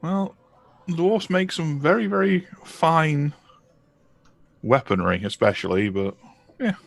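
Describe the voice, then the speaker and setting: A man's voice: on the high side, slow pace, creaky. A man talking as a player in a tabletop game, casual and matter-of-fact, partly in character.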